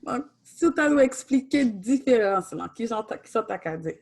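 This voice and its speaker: A woman's voice: a little high, animated, moderate pace, a little mellow. A woman teaching a Haitian Creole class, switching between Creole and French and questioning her students patiently.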